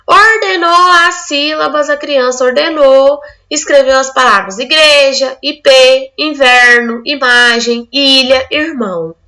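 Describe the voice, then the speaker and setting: A woman's voice: sits high, slow, hardly any pauses, sharp tone. A woman from Brazil teaching an online literacy lesson, explaining step by step and acting out a child's answers.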